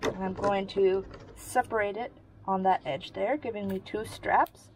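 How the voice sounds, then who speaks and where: A woman's voice: medium pitch, fairly even intonation, unhurried, a little mellow, a little hiss or hum, rough recording. A woman giving a casual sewing tutorial, explaining each step in a friendly way while she works. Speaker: sewing instructor.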